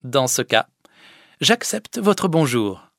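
A man's voice: mid-range voice, very animated, slow, vocal fry, no room sound, clean studio sound, pitched above the performer's own voice, heavily acted. A man reading an audiobook, voicing a stern, commanding young village girl who scolds firmly. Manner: firm, scolding, then gentle. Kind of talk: audiobook character voice.

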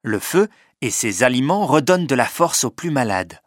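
Male storybook narrator, measured and clear, dry booth sound. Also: medium pitch, very animated, no room sound. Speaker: audiobook narrator.

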